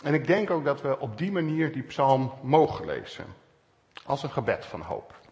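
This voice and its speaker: A man preaching a calm, searching sermon, with pauses and stresses. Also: medium pitch, big-room sound. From Netherlands. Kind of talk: reflective sermon.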